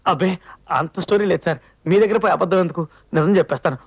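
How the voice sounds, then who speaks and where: A man's voice: a little high, very fast, creaky, husky, no echo, lo-fi sound. An actor playing a flustered young man who stammers and pleads while covering his lies in a comic film scene. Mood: pleading.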